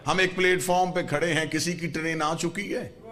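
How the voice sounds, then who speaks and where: Man, preacher, fervent sermon, storytelling, forceful bright tone, fairly high pitch. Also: steady tone. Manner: fervent, rising to shouts at emotional peaks; storytelling, quoting dialogue between imam and questioner. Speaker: Shia religious scholar. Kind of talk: impassioned Urdu sermon.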